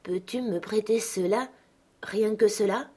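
A woman's voice: medium pitch, unhurried, a little mellow, breathy edge. A woman voicing a vain young wife who pleads plaintively for finery. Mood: eager.

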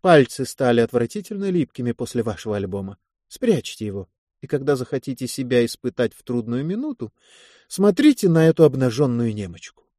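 A man voicing a self-assured woman army medic of about thirty who gently mocks the men around her. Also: medium pitch, very animated, fairly quick, dry recording, studio quality. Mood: commanding.

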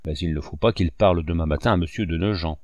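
A man's voice: low voice, quick pace, no room sound, clean studio sound, lightly acted. A man voicing a scheming male swindler who speaks with irony and veiled threats. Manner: ironic and quietly threatening. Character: scheming middle-aged man, villainous swindler, veiled menace.

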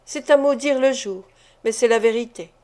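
A woman's voice: on the high side, moderate pace, close to an everyday voice. A woman doing a grave, sorrowful mysterious lady. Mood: despairing. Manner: calm, dignified, grave.

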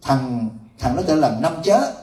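A man's voice: medium pitch, big pitch swings, unhurried, dark tone. A man, a Buddhist monk telling a story in an evening sermon, laughing often as he speaks. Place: temple hall. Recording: roomy hall from far off.

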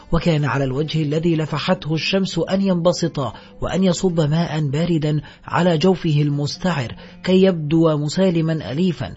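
A man narrating an audiobook with solemn, measured literary reading, in a dull lo-fi recording with faint music. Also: on the high side, a little mellow.

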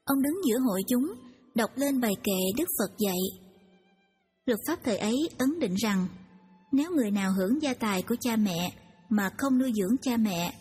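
A woman narrating a story in a steady storytelling way. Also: fairly high pitch, normal speed, husky. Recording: reverberant hall, music behind.

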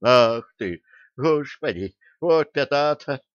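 A man's voice: medium pitch, expressive, moderate pace, fairly bright tone, no room sound, close to an everyday voice. A man voicing a fussy older male companion who wails and frets, in an audiobook reading. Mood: lamenting. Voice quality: wailing, clucking. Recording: dull dry recording.

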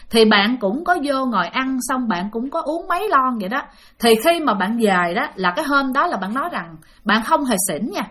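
A woman tells a spooky story in a loose, chatty way, turning often to her listeners. Her voice sits a bit high, talkative and easygoing. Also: pushed and bright. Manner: chatty, addresses listeners directly. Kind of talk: spoken ghost storytelling.

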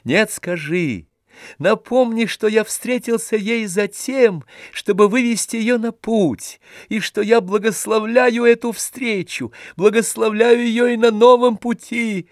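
An emotional nobleman in high, breathless outbursts, voiced by a man reading a classic novel. The lines rise sharply and come slowly, with a dry close sound. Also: big pitch swings, gravelly, no room sound, full character voice. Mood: elated. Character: gentle middle-aged nobleman, overwhelmed with emotion.

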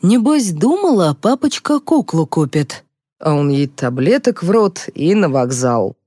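A woman's voice: low-pitched, expressive, unhurried, darkish tone, no room sound, studio quality. A woman reading an audiobook voices an angry young man who talks sharply, demanding and mocking.

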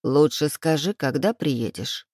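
A woman voicing a doting elderly village grandmother who talks slowly with a lowered, sighing voice. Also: expressive, darkish tone, dry recording, clean studio sound. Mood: fussing.

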